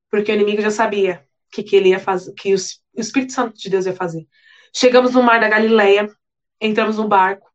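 A young adult woman preaching, telling a personal testimony in an earnest, animated way with many repetitions. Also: a little high. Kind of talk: emotional testimony sermon. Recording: dull lo-fi sound.

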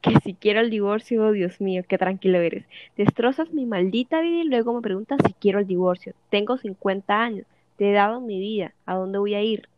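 A woman's voice: mid-range voice, a little fast, lo-fi sound, natural voice. A woman voicing a jealous, bitter wife of fifty who keeps accusing and questioning her husband. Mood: furious. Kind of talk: audiobook dialogue reading.

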